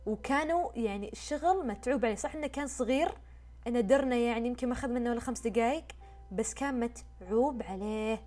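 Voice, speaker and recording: Fast, chatty woman. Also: on the high side. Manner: chatty, expressive retelling. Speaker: vlogger. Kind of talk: casual storytime chat.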